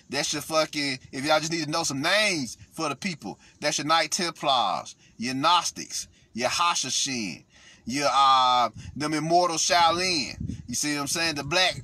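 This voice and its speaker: A man's voice: fairly high pitch, pushed and bright, no room sound. A man hosting casual commentary, rambling and profane, with frequent restarts. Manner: rambling, profane, frequent restarts, "see what I'm saying". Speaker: host.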